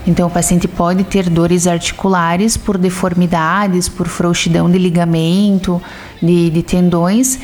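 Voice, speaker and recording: Woman vascular doc explaining symptoms, low and pretty monotone. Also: measured pace, a little hiss or hum. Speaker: vascular doctor. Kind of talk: interview answers.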